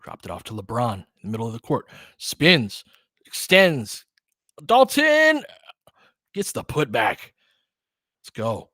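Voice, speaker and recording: A man hosts casual live basketball play-by-play for his fans, answering chat conversationally and calling plays in clipped phrases. His mid-range voice has a sharp tone and huge pitch swings, and he speaks slowly with long pauses, in a dry, studio-quality recording.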